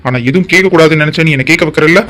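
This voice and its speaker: A man's voice: fairly high pitch, pushed and bright. A man voicing a stern middle-aged father in a cartoon drama, scolding his scheming wife. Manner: rapid, scolding. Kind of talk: Tamil cartoon drama voice acting.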